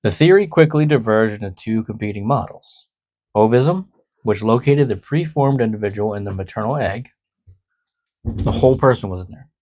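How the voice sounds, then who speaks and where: A man's voice: on the low side, lively intonation, moderate pace, darkish tone, no echo, studio quality. A man co-hosting a casual podcast, explaining the topic with laughs and playful jokes. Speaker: podcast co-host.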